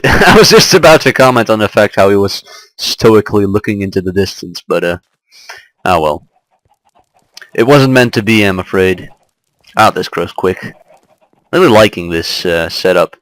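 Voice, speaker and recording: A man's voice: lowish voice, a bit bright, dry recording, poor audio. A young man chatting casually and rambling with amusement as he plays and comments on a game. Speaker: let's play host.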